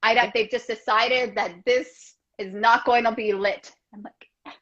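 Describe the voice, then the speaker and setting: A woman in her thirties, a guest on a video call, gushes effusively in casual chat, words spilling out in rushes. Her slightly high, a bit bright voice keeps a steady tone, while the call audio sounds dull and lo-fi.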